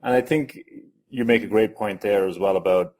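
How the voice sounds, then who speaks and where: A male interview host with a low voice and a husky edge. He speaks casually, offering agreement and adding his own take on the guest's point. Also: moderate pace, darkish tone. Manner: affirming, frequent back-channel encouragement.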